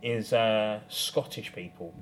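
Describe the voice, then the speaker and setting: A man's voice: on the low side, fairly even intonation, slow, a crowd in the background, low-quality recording. A British man co-hosting a podcast, chatting casually and explaining things with discursive enthusiasm. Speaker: podcast co-host. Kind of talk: casual chat.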